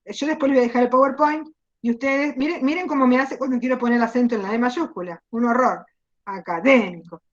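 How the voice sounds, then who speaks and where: An Argentine woman gives a university lecture over a video call, laying out her points patiently and stopping to question the class. Her voice sits a little high, and the call audio sounds dull and lo-fi. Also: quick pace. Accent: Rioplatense Spanish. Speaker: university teacher. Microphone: computer mic on a video call.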